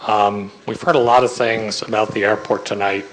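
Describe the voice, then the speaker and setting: A man giving a public comment at a town meeting in a fairly low voice. He pauses often and fills the gaps with ums. A faint room noise sits under him. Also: steady tone, poor audio. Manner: hesitant, many ums. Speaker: resident making a public comment.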